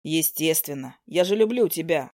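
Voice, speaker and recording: A woman voicing an earnest young male healer who speaks slowly, softly and firmly, in a storybook reading. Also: low-pitched, animated, dry recording, studio quality, voice pushed down. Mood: earnest, questioning. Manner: slow, soft, persuasive.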